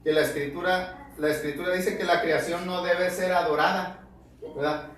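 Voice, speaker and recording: Male Bible study leader, high voice, far from the mic in a very echoey hall. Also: fairly even intonation, moderate pace, a bit bright, a little hiss or hum. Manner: keeps asking "verdad?", addresses the congregation as brothers, reads scripture aloud. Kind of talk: church Bible study teaching.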